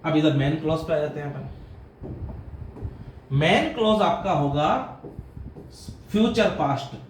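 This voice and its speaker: A man's voice: fairly high pitch, expressive, unhurried. Indian man teaching grammar in an echoey room. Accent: Indian English. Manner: explains step by step, quizzes students with questions, calls them "beta". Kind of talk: classroom grammar lesson. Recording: echoey room with light background noise.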